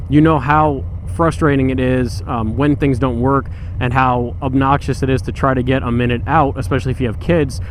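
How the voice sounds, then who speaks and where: A man talking in a casual, rambling motorcycle vlog, informal and mildly exasperated, on a mic tucked under his helmet chin guard. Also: medium pitch. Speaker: motorcycle vlogger. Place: outdoors on a motorcycle. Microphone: external mic under helmet chin guard. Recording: loud outdoor vehicle and road noise.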